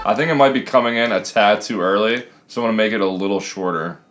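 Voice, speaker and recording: A man in his thirties with a low voice narrates a screen-recorded tutorial in a casual, explanatory way. He is recorded in a small room at home, with music coming in behind him at times. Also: fast.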